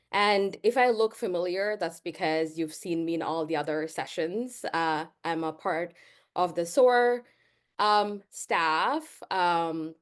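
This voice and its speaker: A woman from Bangladesh, leading an online workshop in an earnest, measured way with frequent "um" pauses, heard over a video call. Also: fairly low pitch. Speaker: workshop facilitator.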